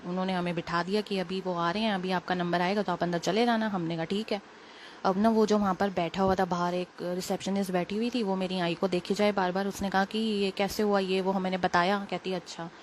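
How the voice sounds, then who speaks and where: A woman's voice: medium pitch, flat delivery, a little hiss or hum. Chatty young woman telling a story. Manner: chatty, rambling, quick with fillers. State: unwell. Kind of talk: casual spoken testimony.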